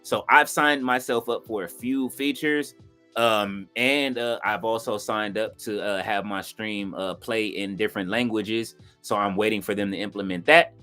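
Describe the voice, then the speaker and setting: A man hosting a live watch-along stream, chatting loosely with viewers and leaning on fillers like "you know what I'm saying," with sudden excited outbursts. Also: fairly low pitch, normal speed, soft background music. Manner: bursts of excited reaction. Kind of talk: casual live-stream chat, reading viewer comments.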